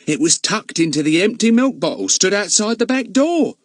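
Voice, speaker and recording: In an audiobook, a man voices a chatty older female housekeeper who is gossipy, deferential, easily offended, and forever calling her employer "sir." He pushes his voice up so it sits high, with big pitch swings at a normal speed, in clean studio sound with no echo.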